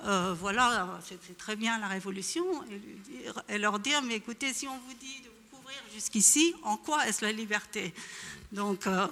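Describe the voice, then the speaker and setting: A woman's voice: medium pitch, normal speed, sharp tone. A woman from Iran speaking at a panel event, hesitant, with many fillers and restarts. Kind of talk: spontaneous public talk. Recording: echoey hall.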